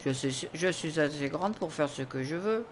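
A man's voice: fairly high pitch, animated, normal speed, slight background noise, voice pushed up, close to an everyday voice. A man voicing a stubborn teenage girl while reading game dialogue aloud. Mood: defiant.

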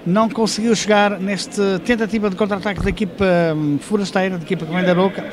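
Male futsal commentator, high voice, hesitant live play-by-play with self-corrections, recorded in a noisy sports hall. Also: fairly even intonation, quick pace. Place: indoor sports hall during a match. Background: gym noise, ball bounces.

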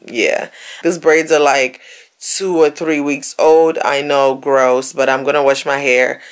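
A woman's voice: extremely low pitch, steady tone, slow pace, smooth. A young woman talking viewers through a hair tutorial in a casual voiceover, chatty and joking with asides. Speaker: beauty vlogger. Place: recorded apart from the pictured scene.

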